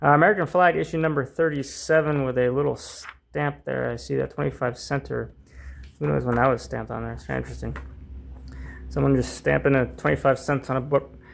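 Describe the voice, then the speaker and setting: A man's voice: mid-range voice, fairly even intonation, fairly quick, vocal fry, a little hiss or hum. A man hosting a comic book channel, chatting casually and rambling through fillers and restarts, a little worn out and strained from the heat. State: hot and tiring, voice strained. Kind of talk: casual unboxing chat.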